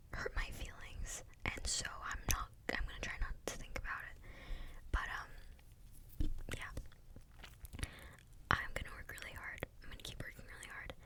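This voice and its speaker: A young woman gives a rambling, unscripted ASMR talk in a breathy, clicky whisper, very close to the mic as if right in your ear. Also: normal speed, long pauses. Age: young adult. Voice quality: breathy, unvoiced whisper with clicky mouth sounds. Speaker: ASMR video creator. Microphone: close microphone without cover.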